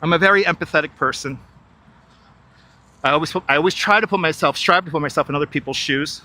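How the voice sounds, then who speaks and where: A bright, forceful, slightly high voice belongs to a fast-talking, middle-aged man from New York who is walking by a river on a live stream. Wearing a wireless clip-on mic, he chats, repeats himself, and reads viewer chat aloud, responding as he goes.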